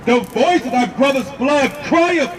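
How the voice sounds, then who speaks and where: A man reading scripture aloud outdoors at a street preaching, measured and formal. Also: very high-pitched, lively intonation. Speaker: scripture reader. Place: outdoors on a city street at night. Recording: noisy street crowd.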